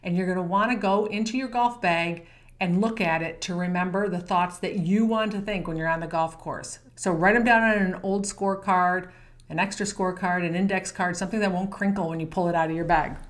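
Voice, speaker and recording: A woman teaching a golf mental-game course lesson, speaking in a calm, direct coaching manner. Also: on the low side, brisk.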